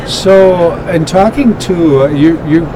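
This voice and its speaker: A man conducting a casual interview in a halting, reflective way. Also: a little high. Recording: clear ambient background noise.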